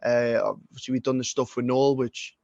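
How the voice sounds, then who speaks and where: A man's voice: mid-range voice, level tone, normal speed, gravelly, darkish tone, no room sound, dull audio. A man in his twenties with a Geordie accent, a singer-songwriter talking as a podcast guest in a casual, rambling way, full of swearing and restarts. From Northeast England. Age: 20s.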